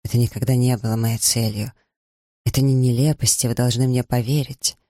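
A man reading a remorseful young gentleman who pleads and apologizes, in an audiobook. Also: mid-range voice, flat delivery, brisk, dry recording, studio quality, lightly acted.

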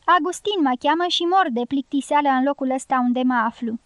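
A bored, teasing guerrilla sentry who jokes at the men he stops, read by a woman. The voice sits high and is recorded close and dry. It is an audiobook reading. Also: fairly bright tone, no echo. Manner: teasing, mocking. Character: joking, careless male guerrilla sentry.

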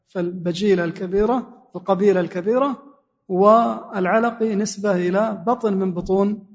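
Male sheikh, high voice, methodical word-by-word explanation, mosque reverb. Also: darkish tone. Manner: explains word by word, repeats key phrases. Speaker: sheikh teaching a mosque lesson. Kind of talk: religious lesson explaining a hadith text. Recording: long reverb of a mosque hall.

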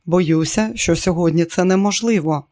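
A woman's voice: fairly low pitch, normal speed, darkish tone, no echo, clean studio sound, natural voice. An audiobook reader voicing a female secretary who answers the phone in a polite, formal way.

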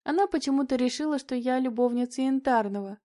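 A woman narrating a novel in the first person, in a steady, expressive reading. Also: high-pitched, quick pace. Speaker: audiobook narrator.

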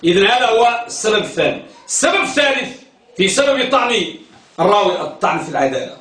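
A man's voice: high voice, fairly bright tone. A man teaching a class, quizzing his students and repeating key terms. He often tells them to focus. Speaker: teacher of hadith terminology. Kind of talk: classroom lecture with questions to students. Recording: roomy, from some distance.

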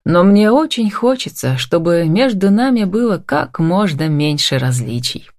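A woman's voice: lowish voice, lively intonation, measured pace, darkish tone, no room sound, pitched above the performer's own voice. A woman reading an audiobook and voicing a confident, wealthy businessman who teases and gives orders in a drawling, playful way, recorded dry and close.

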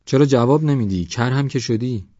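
A man's voice: lowish voice, mellow, no room sound, dull audio, lightly acted. A man voicing a blunt old shepherd who scolds a careless young man in a raised voice. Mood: shouting.

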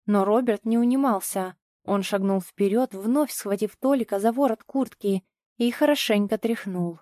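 A woman's voice: mid-range voice, warm tone, no room sound, clean studio sound. Woman narrating a tense audiobook. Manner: tense, emotional storytelling. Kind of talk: first-person audiobook narration.

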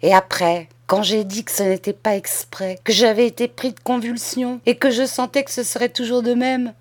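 A woman's voice: fairly high pitch, steady tone, moderate pace, voice pushed up, close to an everyday voice. A woman reading aloud and voicing a mischievous, hot-headed young boy with a good heart.

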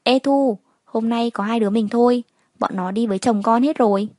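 A woman's voice: a little high, moderate pace, darkish tone, dry recording, lightly acted. A woman voicing a blunt, chatty young wife talking familiarly with a friend.

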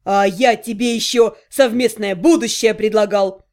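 A woman's voice: medium pitch, steady tone, a little slow, a little mellow, pitched below the performer's own voice, lightly acted. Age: adult. Sex: male. Figure: a woman doing a bitter, snarling jailed villain.

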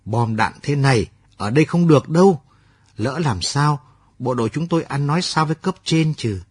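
An urgent young army officer, read by a man in a late-night radio story. He pushes hard and fast with a husky, lively voice. The sound is dry and close. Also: medium pitch, no room sound, voice pushed up. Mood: urgent, pressing. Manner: urgent and pressing.

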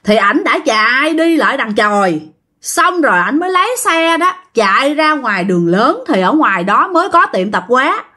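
A woman's voice: high voice, very animated, moderate pace, pushed and bright. Chatty woman storyteller. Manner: chatty, addresses listeners directly. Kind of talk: ghost story narration.

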